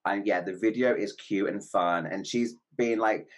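A man co-hosting a casual music podcast, chatty and quick to laugh. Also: on the low side. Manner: chatty, giggly, apologetic asides. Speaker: podcast co-host. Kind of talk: casual chat.

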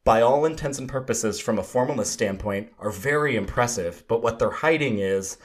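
A man's voice: medium pitch, moderate pace. A man co-hosting a film podcast, breaking down a movie in casual, analytical talk and passing the floor to his co-host. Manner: analytical, hands off to co-host by name.

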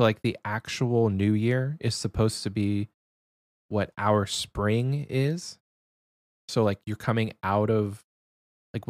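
A man's voice: on the low side, dry recording, clean studio sound. A young adult man co-hosting a podcast in casual chat, keeping his voice down. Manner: talking quietly to avoid waking someone. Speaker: podcast co-host.

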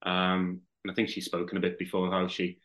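Scouse guy on a podcast, lowish voice, rambles and restarts a lot. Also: completely flat delivery, brisk, a bit bright, low-quality recording. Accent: Liverpool. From Liverpool, England. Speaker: podcast guest. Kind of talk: casual chat.

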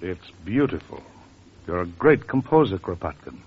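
A genial music publisher. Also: male voice, low-pitched, very animated, normal speed, husky, exaggerated voice. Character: smooth middle-aged male music publisher. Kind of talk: 1940s radio comedy acting. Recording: dull lo-fi old radio recording.

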